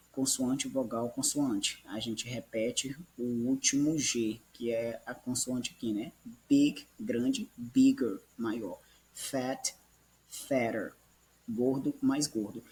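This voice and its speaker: A man's voice: medium pitch, a little mellow. A man teaching English grammar in a recorded lesson, patiently repeating examples and checking in with listeners.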